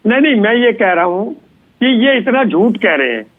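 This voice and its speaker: High-voiced man on a tinny phone line. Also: very animated, moderate pace. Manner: mocking, teasing asides. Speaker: debate panelist. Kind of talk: heated political debate.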